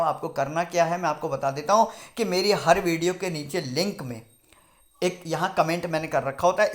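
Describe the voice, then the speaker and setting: Man, fantasy cricket tipster, casual chat, addresses viewers directly, instructive, repeats points. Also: high-pitched. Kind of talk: casual chatty prediction video.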